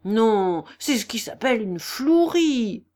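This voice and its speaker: A woman voicing a whining man who moans his lines slowly. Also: a little high, very animated, dark tone. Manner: moaning, drawn-out. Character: whining, mocking man at a party.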